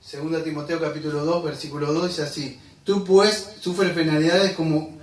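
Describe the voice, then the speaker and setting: A man's voice: on the high side, steady tone, moderate pace, a little hiss or hum. A man preaches from the pulpit. He speaks in a slightly raised register and keeps asking rhetorical questions. The recording is roomy and picked up from some distance. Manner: preaching with rhetorical questions, addressing listeners as "amado". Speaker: pastor. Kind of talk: sermon. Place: church sanctuary. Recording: echoey church hall, from a distance.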